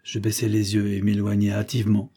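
A man reading a literary story aloud as an audiobook narrator, in a measured, grave way. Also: lowish voice, monotone, warm tone, husky. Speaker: audiobook reader.

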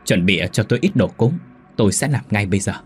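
A man voicing a calm, steady middle-aged exorcist in a spoken ghost story. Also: fairly low pitch, quick pace, breathy edge, soft background music. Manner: steady, commanding.

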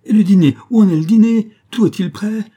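A man's voice: mid-range voice, lively intonation, moderate pace, dark tone, slightly rough. A man voicing a flustered, sleepy country landowner in a storybook reading, blustering in panicky outbursts. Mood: panicked.

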